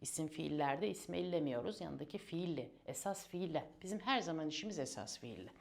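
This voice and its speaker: A woman's voice: sits low, animated, brisk, vocal fry. A woman teaching an online language lesson, patiently drilling verb conjugations and addressing her learners as friends.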